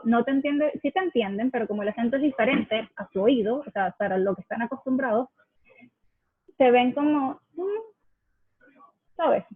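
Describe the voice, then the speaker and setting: A young woman from Venezuela, chatting thoughtfully and a little hesitantly, often pausing to search for words. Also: on the high side. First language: Spanish. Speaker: guest sharing immigrant experience. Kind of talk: casual video chat. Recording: tinny dry call audio.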